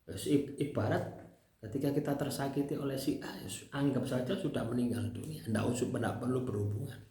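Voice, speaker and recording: A man's voice: medium pitch, fairly quick, warm tone, reverberant, slight background noise. Javanese-accented man, chatty and repetitive. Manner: conversational, tags phrases with "gitu loh, ya". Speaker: speaker sharing personal experience. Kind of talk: casual spoken testimony.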